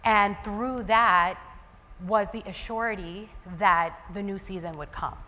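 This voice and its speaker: A woman preaching a sermon in a chatty, animated way, full of fillers and restarts. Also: mid-range voice, a little slow, in a large hall.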